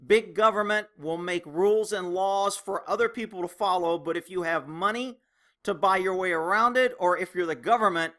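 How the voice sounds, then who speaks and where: A man with a high-pitched voice rants through news commentary as the host of his own show. His delivery is heavy with sarcasm. He sounds exasperated and indignant about what he reports. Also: fairly bright tone. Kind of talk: opinionated news commentary rant.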